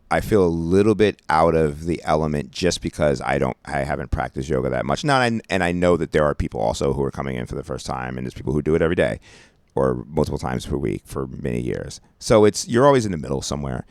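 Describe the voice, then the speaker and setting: A man with a very deep, gravelly, expressive voice speaks a little fast, co-hosting a relationship podcast in a radio studio. He talks in a casual, rambling, affectionate way and laughs often, recorded on a studio mic with no echo.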